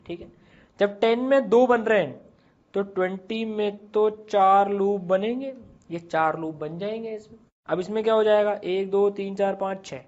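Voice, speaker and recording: A man's voice: high-pitched, a little mellow. A male physics teacher, explaining step by step and asking and answering his own questions. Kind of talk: classroom physics lesson. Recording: slightly dull lo-fi sound.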